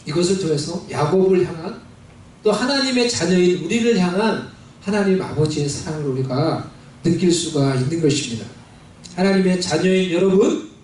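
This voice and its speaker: Male pastor, high voice, sermon, lively storytelling, very roomy hall sound, distant mic. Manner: preaching with call-and-response questions and dramatized quotes. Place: church sanctuary.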